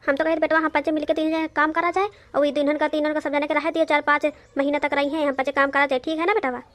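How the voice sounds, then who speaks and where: A woman voicing a sharp-tongued, bossy old mother in a cartoon, scolding in an Awadhi accent. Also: sits high, little pitch movement, quick pace. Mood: nagging. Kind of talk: cartoon voice acting.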